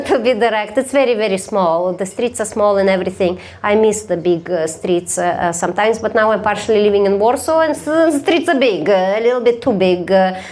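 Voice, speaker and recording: Eine Komikerin, die auf einer Live-Bühne stumpf und neckend mit dem Publikum spricht und oft lacht. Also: female voice, medium pitch, moderate pace, hardly any pauses, a little mellow. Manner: blunt, teasing, laughs often. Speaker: stand-up comedian. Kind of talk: stand-up crowd work. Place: live comedy stage.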